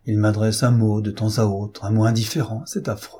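A man's voice: fairly low pitch, flat delivery, fairly quick, dark tone, slightly rough. A man reading an audiobook, voicing an anguished, tearful young aristocratic wife in a pleading manner. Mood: distraught. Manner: pleading, sobbing.

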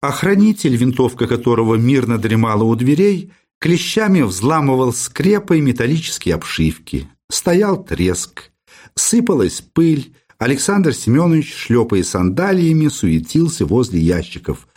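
A man narrates a literary audiobook in an expressive, measured way. His pitch moves in a lively, animated way across the sentences.

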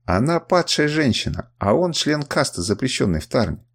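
A man's voice: medium pitch, very animated, normal speed, pitched above the performer's own voice. A man voicing a proud, cunning woman queen in an audiobook, with an emotional delivery in a raised voice. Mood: haughty. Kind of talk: audiobook character reading.

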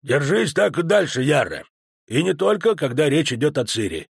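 A man's voice: a little high, big pitch swings, normal speed, vocal fry, husky, dry recording, clean studio sound, full character voice. Man doing a blunt, knowing dwarf soldier.

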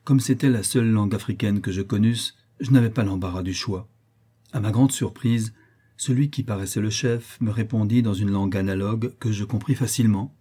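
A man narrating an adventure novel in the first person, in a steady, measured reading. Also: fairly low pitch, slightly rough. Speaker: audiobook narrator.

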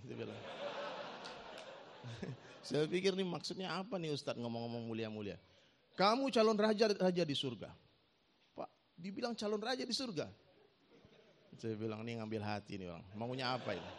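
A man delivering a storytelling sermon about his own past, acting out the voices of the people in his story and joking with the congregation. His voice sits a little high for a man and swings widely in pitch, so the telling sounds lively and animated. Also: vocal fry. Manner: animated, acts out dialogue, joking with the audience. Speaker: preacher giving a personal testimony.

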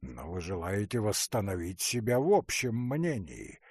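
A weary, stern nobleman, read by a man who speaks in a cold, hollow, restrained voice. He talks slowly and deliberately. The sound is dry and close. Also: on the low side, huge pitch swings, darkish tone, husky, no echo, exaggerated voice. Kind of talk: audiobook character reading.

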